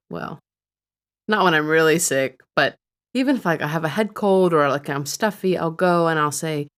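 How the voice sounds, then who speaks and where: A woman co-hosts a podcast, talking casually and candidly with a self-deprecating streak. Her voice is low and smooth, at a moderate pace.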